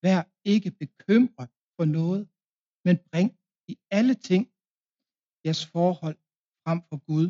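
A man's voice: high voice, dark tone, highs cut off. A man preaching a confirmation sermon in a Danish accent, telling a plain story with fillers and restarts.

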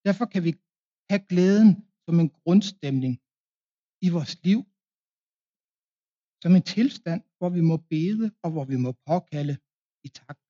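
A man's voice: sits high, expressive, pauses often, warm tone, lo-fi sound. A man preaching a confirmation sermon in a Danish accent, telling a plain story with fillers and restarts.

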